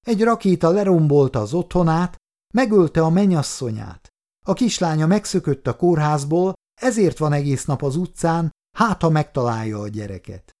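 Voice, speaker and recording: Defiant young nurse girl, higher voice, impassioned and pleading, read by a guy. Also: warm tone. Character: brave young female nurse, exhausted but defiant. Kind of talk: audiobook dialogue.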